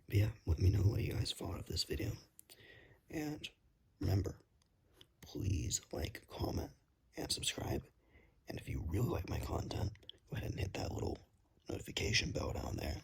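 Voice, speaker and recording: A man with a low, gravelly voice whispers casually to viewers as an ASMR creator, poking fun at himself. He records on a phone's built-in microphone with no external mic.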